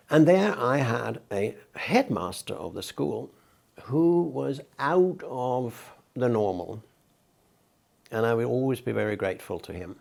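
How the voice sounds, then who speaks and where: An older Danish man, a peace researcher appearing as an interview guest, gives outspoken, emphatic answers. His voice is medium-pitched, gravelly, husky and darkish.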